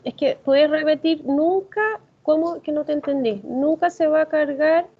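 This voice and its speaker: A woman's voice: high voice, normal speed, phone-quality sound. A woman student in an online class, politely asking the teacher to repeat and clarify. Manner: polite, asks for repetition.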